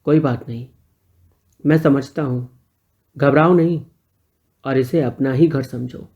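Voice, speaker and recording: A man voicing a gentle, joking neighbor who is a little older and talks calmly and reassuringly. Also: medium pitch, slow, muffled recording. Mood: tender.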